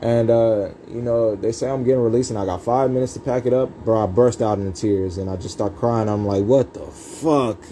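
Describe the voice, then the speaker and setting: A man's voice: on the low side, fairly even intonation, fairly quick, hardly any pauses, mellow, slight background noise, low-quality recording. A man telling his life story in a rambling, profane livestream, heavy with street slang and fillers.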